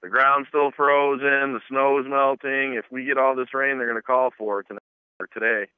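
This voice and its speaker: A man's voice: mid-range voice, level tone, normal speed, smooth, no room sound. A man calling in to a radio talk show from his phone while driving, his voice coming through a choppy, breaking-up connection. He speaks plainly and sounds uneasy. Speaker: radio call-in caller. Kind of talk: casual call-in chat. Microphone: cell phone in a moving car. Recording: tinny phone line.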